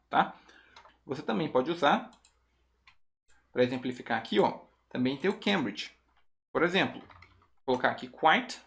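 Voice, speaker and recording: A man with a Brazilian Portuguese accent teaching English online, who explains patiently and reads example sentences slowly. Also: on the high side, a bit bright. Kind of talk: online language lesson.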